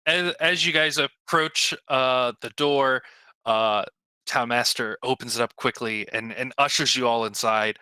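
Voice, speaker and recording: A man's voice: medium pitch, measured pace, sharp tone, clear, resonant tone, dry recording. A man narrating a tabletop game as game master, casual and profane with many fillers.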